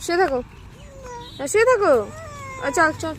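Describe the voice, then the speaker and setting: Recorded on a phone camera beside a loud street, a mother talks casually outdoors, scolding and coaxing her child in short, repeated phrases. Her voice is very high-pitched with lively intonation, and she speaks a little fast.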